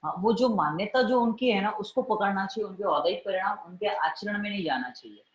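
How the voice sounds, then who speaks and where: A man's voice: high voice, lively intonation, a little fast. A man giving a Jain religious discourse in a conversational way, often asking his listeners whether they follow. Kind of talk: Hindi religious discourse mixed with English words. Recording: roomy, dull recording.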